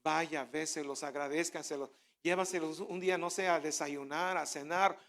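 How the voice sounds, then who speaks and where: High-voiced pastor preaching. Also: male voice, steady tone, moderate pace. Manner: conversational preaching, frequent rhetorical questions; builds to loud fervent declaration. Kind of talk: sermon.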